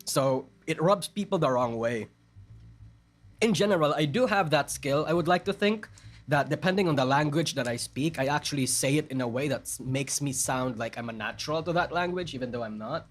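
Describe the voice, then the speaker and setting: A man's voice: on the high side, lively intonation, fairly quick. Filipino-accented man chatting on stream. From Philippines. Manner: rambling, self-deprecating, answers chat messages. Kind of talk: casual live-stream chat.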